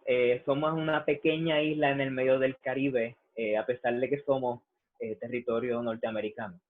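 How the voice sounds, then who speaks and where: A man from Puerto Rico with a Puerto Rican accent, a Buddhist reverend calmly explaining his tradition with many "eh" fillers. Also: mid-range voice. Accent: Puerto Rican Spanish. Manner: measured, frequent "eh" fillers. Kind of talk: explanatory interview answers. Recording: tinny phone-like line.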